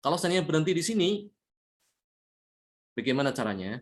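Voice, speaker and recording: A man teaching a tajwid lesson, explaining patiently, repeating points and slowly chanting Arabic examples. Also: a little high, big pitch swings. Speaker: Quran recitation teacher.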